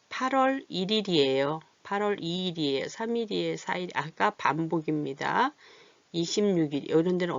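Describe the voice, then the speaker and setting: A woman's voice: sits low, dry recording. A woman teaching a beginner language class, patiently drilling words and example sentences one by one. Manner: slow, drilled repetition of example phrases. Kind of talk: classroom lesson. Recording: dull, dry lo-fi.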